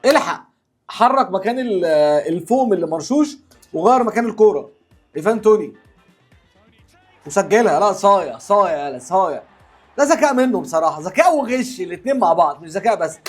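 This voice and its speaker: Egyptian man, football reaction host, very high animated voice, quick talker, music underneath. Keep it excitable and repetitive. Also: breathy edge. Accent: Egyptian Arabic. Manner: animated, exclaiming, repeats words.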